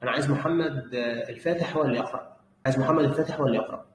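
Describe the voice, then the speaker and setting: A man's voice: mid-range voice, very fast. A man with an Egyptian Arabic accent teaching a German lesson, patiently correcting pronunciation by repeating the words. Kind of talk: online language lesson. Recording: roomy with faint background noise.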